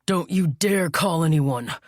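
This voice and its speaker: A woman voicing a troubled, volatile young man in an audiobook, speaking slowly through clenched tension. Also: on the high side, dry recording, clean studio sound, natural voice. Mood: menacing. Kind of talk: audiobook character reading.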